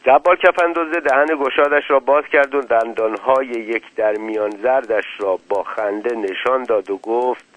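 A man narrating a novel as an audiobook reader, telling the story in a measured way. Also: medium pitch, a bit bright, no echo, rough recording. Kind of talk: narrating a novel, voicing the characters.

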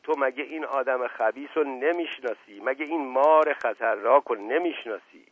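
A man's voice: medium pitch, fairly bright tone, husky, no room sound. A man voicing a paranoid, pompous older male family patriarch in a story reading, indignant and dramatic. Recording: dry, slightly dull audio.

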